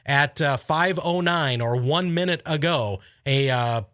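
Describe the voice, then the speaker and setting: A man working as a weather forecaster, giving live tornado warning commentary in an urgent but measured, explanatory way. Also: a little high, a bit bright, no room sound, studio quality.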